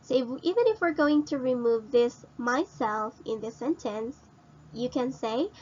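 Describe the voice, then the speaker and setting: Woman teacher, slow and patient, asks students questions, slightly high voice, lo-fi recording. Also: lively intonation, darkish tone, slight background noise. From Philippines. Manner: explains slowly and repeats, asks students questions. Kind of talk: recorded grammar lesson.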